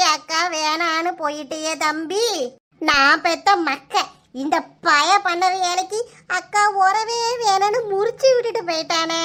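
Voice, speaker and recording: Cartoon mom, Kanyakumari Tamil accent, wailing and stubborn, very high voice. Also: female voice, bright, forceful tone, exaggerated voice. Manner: wailing, lamenting, repeats phrases. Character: grieving middle-aged village mother, stubborn and bossy. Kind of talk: animated cartoon dialogue.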